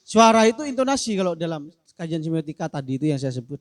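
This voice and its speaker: A man's voice: fairly high pitch, sing-song, quick pace, no echo, clean studio sound. A man in a casual discussion, answering in a playful, joking way. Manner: playful, joking, acts out example phrases. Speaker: discussion speaker answering a question.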